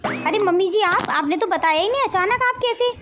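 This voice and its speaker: A woman's voice: extremely high pitch, lively intonation, brisk, background noise. A woman voicing a rude, lazy young daughter-in-law who snaps and grumbles, in a cartoon comedy. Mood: grumbling. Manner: snappy, grumbling.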